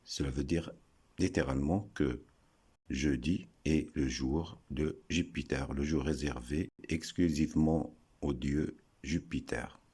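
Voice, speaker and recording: A man giving a slow, deliberate lesson, breaking words into syllables and pausing often. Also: extremely low pitch, steady tone, dark tone, slightly rough. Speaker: teacher explaining word origins.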